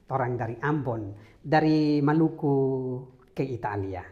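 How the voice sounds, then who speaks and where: Slow, measured priest hosting an interview. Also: male voice, mid-range voice, dull audio. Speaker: podcast host, priest.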